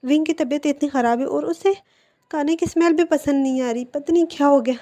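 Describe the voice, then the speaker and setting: A man's voice: extremely high pitch, brisk, warm tone. A woman doing a doting protective husband. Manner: reassuring, eager.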